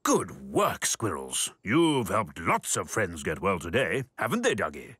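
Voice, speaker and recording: A man narrating a children's cartoon in a gentle, encouraging way, speaking to the children on screen. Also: lowish voice, wildly swooping pitch, a little slow, slightly rough, no echo.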